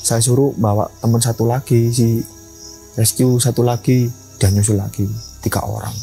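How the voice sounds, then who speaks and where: Young man, dark voice. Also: mid-range voice, moderate pace, vocal fry, soft background music, rough recording. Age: young adult. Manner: lively storyteller acting out dialogue. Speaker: mountain ranger and guide. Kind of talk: storytelling interview.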